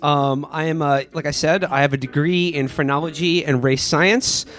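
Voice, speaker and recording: A player in a comedy tabletop game casually introduces his character, hesitating and repeating words. His voice is a little high, steady and a bit bright at a normal speed, with faint music under it.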